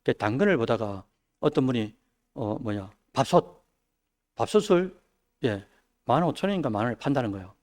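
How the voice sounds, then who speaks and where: A man preaching a midweek sermon, dropping his voice low and then rising loud. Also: lively intonation, normal speed, long pauses. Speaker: pastor. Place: church sanctuary.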